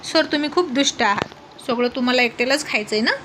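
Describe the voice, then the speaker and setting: Drunk childish young wife, a woman puts her on, whiny and sing-song, high little voice. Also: a little fast, bright, forceful tone, a little hiss or hum. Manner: sing-song, pleading, petulant. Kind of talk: storybook narration.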